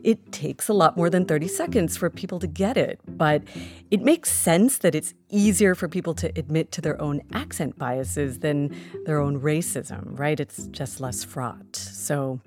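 A woman's voice: low-pitched, unhurried, a little mellow, faint music behind. A woman co-hosting a scripted podcast conversation, talking in a thoughtful, emphatic way. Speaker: podcast co-host. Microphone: studio microphone.

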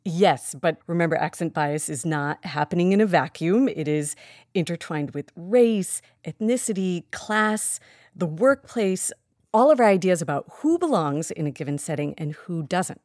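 A woman's voice: fairly low pitch, lively intonation, moderate pace, a little mellow, dry recording, studio quality. A woman co-hosting a scripted podcast conversation, talking in a thoughtful, emphatic way. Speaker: podcast co-host. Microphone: studio microphone.

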